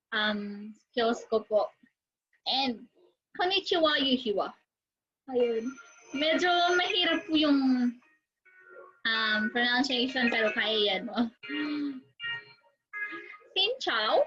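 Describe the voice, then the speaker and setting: A young woman from the Philippines with a Filipino accent, chatting casually in a vlog, giggly and self-deprecating, with lots of fillers. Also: high voice. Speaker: vlogger. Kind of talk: casual vlog chat mixing Tagalog and English. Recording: slightly muffled with music playing behind. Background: background music.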